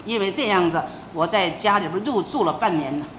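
Older woman, religious teacher, emotional testimony sermon, animated storytelling, roomy room, old tape with faint rumble. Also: fairly quick. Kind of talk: sermon told as personal testimony.

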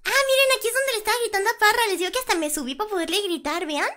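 A woman, chatting casually as a streamer and often bursting into loud laughter. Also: very high-pitched, very fast. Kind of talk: casual livestream reaction.

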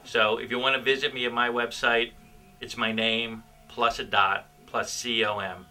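A man's voice: medium pitch, little pitch movement, moderate pace, pushed and bright. A man with a thin, whiny voice doing stand-up comedy in a conversational, mock-puzzled way, reading copy aloud with joking asides.

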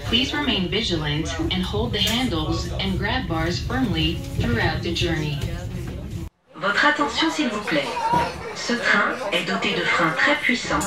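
A woman making formal, measured announcements over a train loudspeaker, switching between two languages. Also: mid-range voice, expressive, loud music behind the voice. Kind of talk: recorded transit announcement. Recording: echoey loudspeaker heard from a distance.

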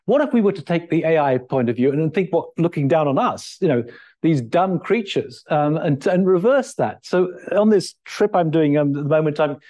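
A man's voice: a little high, lively intonation, moderate pace, dark tone. A middle-aged man giving a keynote lecture at a lectern in a large hall, thinking aloud with many fillers and restarts. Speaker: keynote speaker. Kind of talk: conference lecture.

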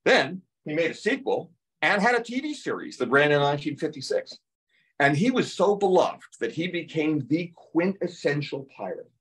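Older male history lecturer, animated storyteller, heard from across the room. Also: on the high side, moderate pace. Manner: lively storytelling, acts out quotes in playful voices. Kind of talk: museum lecture with slides. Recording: voice heard from a distance.

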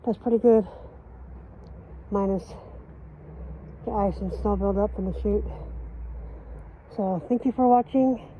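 A woman's voice: mid-range voice, a little slow, long pauses. A woman out of breath, chatting casually while demoing her snowblower outdoors. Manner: chatty, apologetic asides. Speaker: vlogger reviewing her snowblower. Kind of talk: casual product demo. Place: outdoors in snow. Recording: tinny phone-like sound, faint noise.

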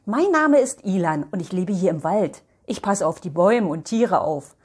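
Woman reads kind storybook elf man of the forest, gentle and inviting, breathy. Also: on the low side, animated, moderate pace.

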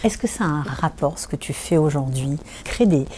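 A woman interviewer asking calm, direct questions in a casual interview. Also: deep voice, fairly quick, slight background noise.

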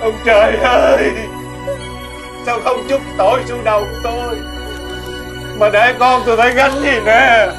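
A man's voice: fairly low pitch, moderate pace, long pauses, lightly acted. An actor with a Southern Vietnamese accent playing a proud, stern rich father in a cartoon fairy tale. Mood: wailing. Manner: stern, grumbling, later wailing. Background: music.

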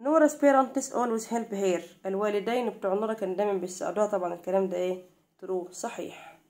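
Reading English slowly and then translating it, a young Egyptian-accented teacher runs a primary-school lesson full of constant questions. She has a mid-range, somewhat dark voice.

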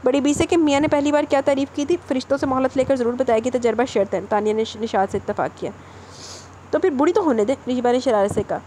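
Brisk, high-voiced woman narrating a novel. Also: fairly even intonation, mellow, a little hiss or hum. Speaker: audiobook narrator. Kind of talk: novel reading with character dialogue.

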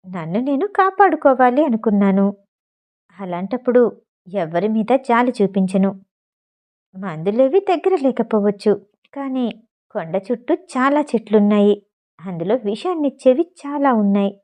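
A woman voicing a calm, cunning young woman doctor in an audio novel, speaking in a cool, composed way. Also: a little high, normal speed, pauses often, natural voice.

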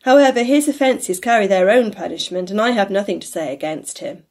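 A woman doing a jovial laughing young gentleman. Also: a little fast, natural voice. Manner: hearty, booming laughter and merry emphasis.

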